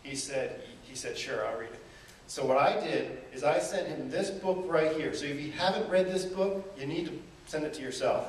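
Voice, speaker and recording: A motivational speaker with a voice on the high side and a moderate pace tells stories and throws rhetorical questions at a live seminar audience, full of energy. Captured distantly in an echoey event hall, the clip carries faint noise.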